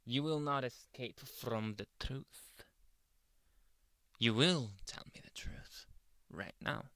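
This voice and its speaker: In an ASMR roleplay, a man plays a grumpy, possessive yandere boyfriend, brooding, theatrical, menacing, and intense, often dropping into breathy whispers. His medium-pitched, fairly bright voice is slow, captured dry on a close ASMR microphone.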